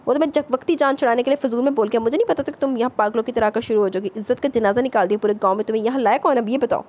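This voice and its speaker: A woman's voice: mid-range voice, a little mellow, natural voice. A woman voicing a stern angry feudal husband. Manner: scolding, stern.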